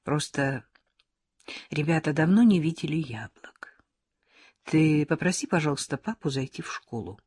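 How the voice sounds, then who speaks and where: A storyteller voicing a tired, gentle woman schoolteacher who speaks softly and wearily, with a firm, stern edge. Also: mid-range voice, unhurried, pauses often, husky, no room sound, clean studio sound. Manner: soft and weary, a touch stern.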